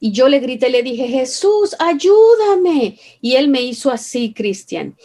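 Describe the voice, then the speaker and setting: A woman's voice: fairly high pitch, moderate pace, darkish tone. A Venezuelan woman with a Venezuelan accent, earnestly telling an emotional personal story as an interview guest. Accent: Venezuelan Spanish. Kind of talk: personal testimony.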